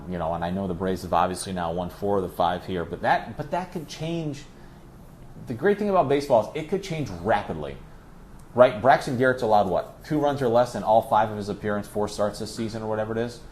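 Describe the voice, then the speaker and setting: Appearing as a guest, a radio play-by-play announcer discusses sports in an animated, emphatic, conversational style peppered with rhetorical questions. His voice sits on the low side and sounds a little mellow, with slight background noise.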